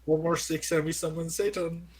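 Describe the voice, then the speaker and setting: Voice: medium pitch, fairly even intonation, moderate pace, darkish tone. A player in a tabletop game, chatting casually and bantering with the group, recorded with some noise.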